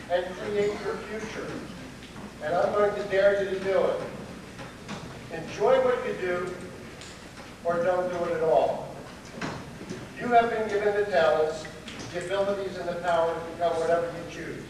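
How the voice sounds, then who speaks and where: A man giving a folksy motivational speech to students, with jokes and repeated slogans, heard on an old VHS home video recording. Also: high-pitched. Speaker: Hall of Fame inductee giving a speech. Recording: echoey old VHS tape, distant and hissy.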